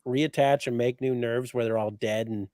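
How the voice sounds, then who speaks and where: A man on a casual podcast telling self-mocking stories in a deadpan way. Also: medium pitch, normal speed, no echo, studio quality. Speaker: co-host.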